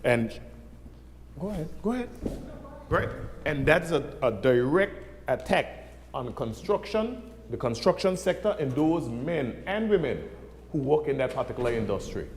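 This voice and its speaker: A man's voice: fairly high pitch, sing-song, moderate pace, pauses often, a little hiss or hum. A man with an Anguillan accent arguing combatively and accusingly as a member in parliamentary debate. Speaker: member of a legislative assembly. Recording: echoey assembly chamber.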